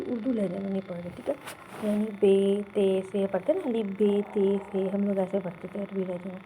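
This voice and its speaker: A woman's voice: medium pitch, dark tone, a little hiss or hum, poor audio. A woman teaching a beginner Quran reading lesson, speaking patiently and checking often that learners follow. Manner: patient, asks learners to repeat, checks with "theek hai?".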